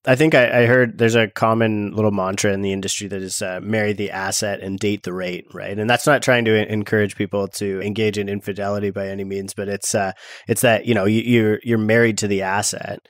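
A man's voice: fairly low pitch, flat delivery, a little fast, dry recording, clean studio sound. A man co-hosting a podcast, explaining things in a casual, conversational way. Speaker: podcast co-host.

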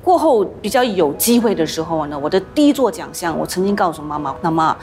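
A woman actress, the guest in a podcast interview, telling stories with animated acted-out voices. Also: on the low side, a little fast, faint music behind. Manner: animated storytelling, acts out quoted voices.

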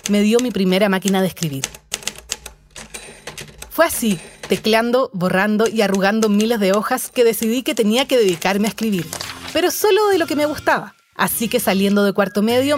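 A young Chilean woman with a Chilean accent, calmly narrating her own life story in a scripted, reflective way. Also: mid-range voice. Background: music under the voice.

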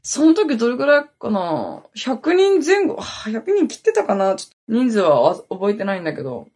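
Woman podcast host rambling thru a story, kinda husky breathy voice, pitch jumps all over. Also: wildly swooping pitch, fairly quick, a little mellow. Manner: rambling anecdotal storytelling with many fillers. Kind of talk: casual chat.

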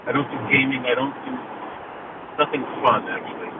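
A man's voice: medium pitch, brisk. A man calling a radio show from a hands-free car phone, his voice hollow with a cave-like echo, chatty and plainspoken. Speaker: radio call-in caller. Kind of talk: casual call-in chat. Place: inside a car being driven. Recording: tinny car phone line with road noise.

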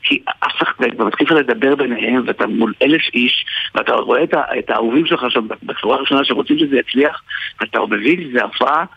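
A man with an Israeli accent tells an anecdote casually, haltingly, repeating and restarting his phrases. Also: mid-range voice, slightly rough, no echo. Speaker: guest, stage performer. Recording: muffled radio or phone-like sound, dry.

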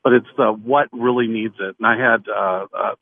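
A man's voice: lowish voice, fairly even intonation, moderate pace, gravelly, no room sound. A man calling in on a crackly phone line that fades in and out, chatting loosely with lots of fillers as a realtor. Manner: rambling, loose, full of fillers and restarts. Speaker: realtor calling in to a radio show. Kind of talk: casual phone-in chat. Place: outdoors in the mountains. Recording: tinny, narrow phone line.

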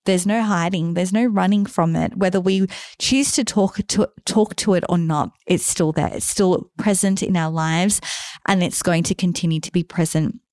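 A woman's voice: on the low side, steady tone, normal speed, darkish tone, dry recording, clean studio sound. A woman co-hosting a casual podcast chat, speaking in an encouraging, reflective way. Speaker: podcast co-host.

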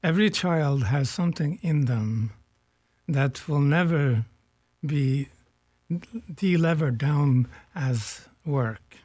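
Older Norwegian-born man, thoughtful and mellow. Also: on the high side, no room sound, studio quality. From Norway. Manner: reflective, slow and searching with pauses. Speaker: guest, economics professor emeritus. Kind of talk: radio conversation.

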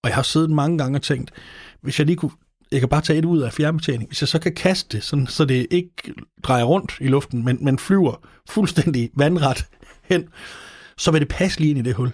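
A man's voice: on the high side, a little mellow, dry recording, studio quality. A man from Denmark hosting a podcast, chatting with playful, ranting exaggeration. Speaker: podcast host. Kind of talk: comedic casual chat.

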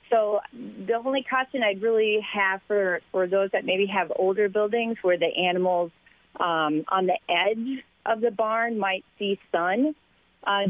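A woman's voice: medium pitch, dry recording. Woman on a tinny phone line. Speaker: interviewed animal care expert. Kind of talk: spoken interview advice.

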